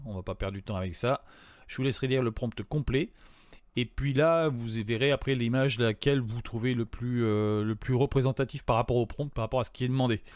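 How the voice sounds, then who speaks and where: A man with a medium-pitched voice gives a casual screen-recorded tutorial, chatting directly to viewers in a hesitant way full of fillers and restarts. The audio is studio quality with no room sound.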